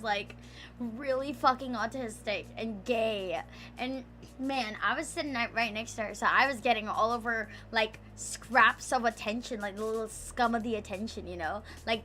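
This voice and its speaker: A woman's voice: on the high side, pushed and bright. A young adult woman streamer in a rambling, profane casual rant, full of "like". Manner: profane, rambling, heavy use of "like". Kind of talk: casual ranting chat.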